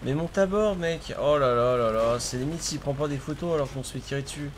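Streaming a video game with his cousin, a man chats casually, exclaims at the action, and laughs often. His voice is a little high and a little fast, with slight background noise.

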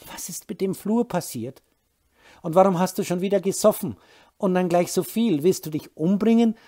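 A man voicing a worried young woman in an audiobook, raising his husky voice and pressing hard. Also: on the high side, very animated, normal speed, mellow, voice pushed up. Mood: angry. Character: worried young woman defending her drinking partner. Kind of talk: audiobook character voice.

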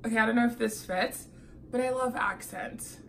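Bright-voiced young woman chatting. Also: a little high, normal speed, creaky, slight background noise. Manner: chatty, giggly, filler-heavy. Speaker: guest. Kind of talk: casual chat.

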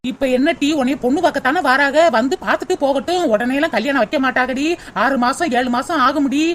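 Woman doing a fast-talking kind village girl, southern tamil accent, highish voice, faint hiss. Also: a bit bright. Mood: consoling. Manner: sympathetic, consoling, fast talker. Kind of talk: dubbed cartoon comedy.

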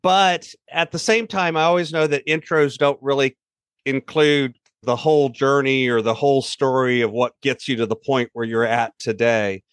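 A man hosting a podcast, reading a scripted intro and asking interview questions in an earnest, measured way. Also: mid-range voice, fairly even intonation, clean tone, no room sound, clean studio sound. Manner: earnest, measured announcer delivery. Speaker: podcast host.

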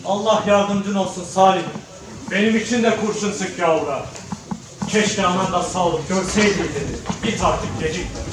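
A man's voice: sits high, normal speed, lightly acted. A man playing a proud, ageing war veteran and father in a patriotic stage drama, declaiming solemnly in emphatic phrases. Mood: solemn resolve. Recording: very echoey noisy hall from far off.

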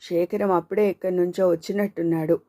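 A woman narrating an audio novel in steady, measured scripted storytelling. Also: lowish voice.

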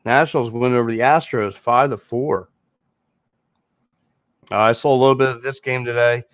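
At a moderate pace and steady tone, a mid-range-voiced man in his thirties with a Philadelphia accent hosts a casual postgame sports podcast, rambling with frequent repeats and restarts. The headset mic setup sits in a small indoor room before a green screen. The sound is dull, lo-fi and dry, with no echo.

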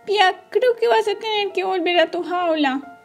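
[name], a woman voicing a gentle young girl. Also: extremely high pitch, soft background music. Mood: hurried. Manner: gentle, coaxing, talks slowly to a pet. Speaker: toy play storyteller. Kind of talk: playing with toy figures.

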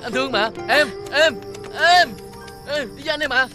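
A man's voice: very high-pitched, unhurried, music in the background. An actor playing a pushy man who grabs a young woman and coaxes her insistently. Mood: wheedling. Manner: wheedling, insistent coaxing.

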